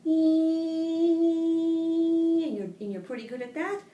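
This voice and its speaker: A woman voice therapist giving a calm, explanatory lesson on voice exercises, recorded on a tablet. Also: mid-range voice, far from the mic, a little hiss or hum. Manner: calm explanatory, demonstrates sung vocal sounds. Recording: roomy tablet recording with faint ambience.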